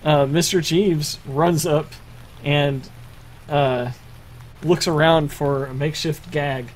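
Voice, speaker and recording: A man with a slightly raised voice leads a tabletop role-playing game as game master. He narrates at an unhurried pace, often stumbling with fillers and starting sentences over. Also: fairly high pitch, fairly even intonation, a little hiss or hum. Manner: halting, many fillers and restarts.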